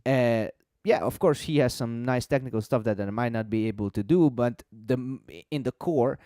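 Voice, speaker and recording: A man talks through his points in a relaxed, conversational live-stream manner, often repeating himself to drive an idea home. His voice sits in an ordinary middle range and comes across smooth and clear. The sound is dry, with little room around it. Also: medium pitch, moderate pace, no echo. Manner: explanatory, repeats words for emphasis. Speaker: host explaining music mixing. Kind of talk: casual live-stream chat.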